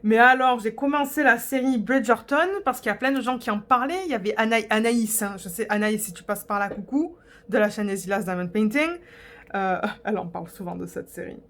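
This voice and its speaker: A woman's voice: a little high, brisk, fairly bright tone. A young woman vlogging in a casual, rambling way, chatting to her viewers with lots of fillers and restarts. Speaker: diamond painting vlogger. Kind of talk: casual chat to camera.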